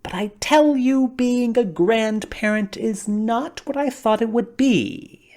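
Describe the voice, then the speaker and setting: A woman voicing a gentle, weary old male scarecrow emperor who speaks slowly and often drops to a breathy whisper. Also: on the high side. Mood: wistful. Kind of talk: storybook reading.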